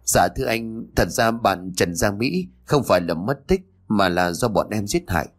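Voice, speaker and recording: A man's voice: lowish voice, expressive, normal speed. A man voicing a frightened schoolgirl confessing to the police, hesitant and respectful. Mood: nervous.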